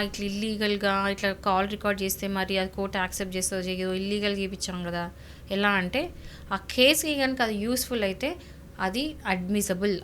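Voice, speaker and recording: Slight background noise accompanies this woman's mid-range, somewhat bright voice. With a Telangana Telugu accent, she serves as a guest legal expert and lawyer, giving advice in a conversational yet emphatic way, restating points and asking rhetorical questions.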